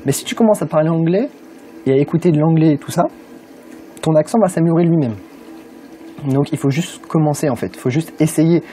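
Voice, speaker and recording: A man's voice: fairly high pitch, fairly quick, pauses often, warm tone, slight background noise. A young man from France giving a casual motivational talk to camera about learning English, informal and full of hesitations. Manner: informal, many "euh" fillers, speaks directly to viewer.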